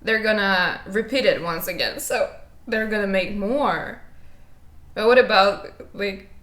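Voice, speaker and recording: A woman's voice: medium pitch, a little slow, fairly bright tone. A young woman co-hosting a casual chat, reading confessions aloud and breaking into giggles. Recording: echoey room.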